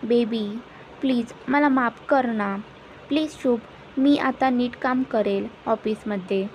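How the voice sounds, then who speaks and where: A woman's voice: on the high side, takes it slowly, a little hiss or hum. A woman reading the lines of a young woman who pleads and coaxes. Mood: coaxing.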